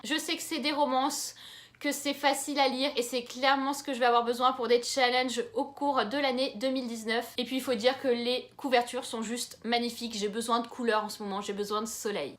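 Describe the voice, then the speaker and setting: A young woman from France chatting enthusiastically in a casual book haul vlog. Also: high voice. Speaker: book YouTuber.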